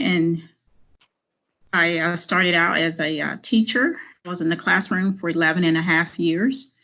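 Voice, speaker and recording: A middle-aged woman from Arkansas speaking in a formal interview over a video call. Her voice is bright and forceful, pitched a little low, and she talks in an earnest, measured way with frequent ums. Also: low-quality recording. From Arkansas, USA. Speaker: job candidate.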